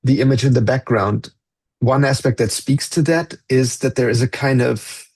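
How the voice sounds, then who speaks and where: A man hosts a reflective podcast conversation in a husky, slightly breathy voice of ordinary middle pitch with a darkish tone. His intonation is fairly even, and he speaks earnestly and thoughtfully, often pausing to find the right words.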